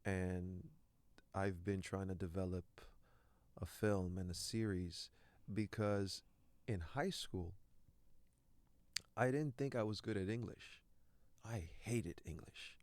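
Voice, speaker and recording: A French-speaking Canadian actor, appearing as a guest, talks earnestly and reflectively in an interview, often repeating words as he searches for the right one. His low voice is a little mellow and unhurried, with no echo.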